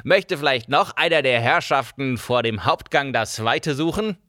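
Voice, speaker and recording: A man's voice: mid-range voice, animated, normal speed, pushed and bright, no room sound, studio quality, pitched above the performer's own voice. A man voicing a malicious dinner guest who sneers and laughs nastily in an audiobook. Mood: mocking.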